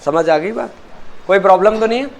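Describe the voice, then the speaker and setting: A man's voice: high voice, fairly quick, creaky, a little hiss or hum. A young Indian man teaching an English class, switching between Hindi and English and quizzing his students as he goes. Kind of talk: classroom lesson.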